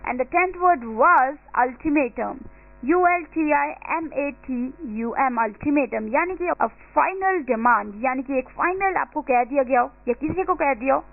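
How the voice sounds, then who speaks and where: An Indian woman hosting a radio vocabulary lesson, explaining words in Hindi, reading English examples slowly and spelling them letter by letter. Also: high-pitched, animated, creaky. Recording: phone-like lo-fi radio audio with faint music.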